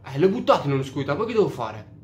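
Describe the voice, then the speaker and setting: A man's voice: fairly high pitch, sing-song, rapid-fire, a little mellow. A man giving casual let's play commentary, swearing freely and openly baffled by the game. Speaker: gamer. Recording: roomy echo.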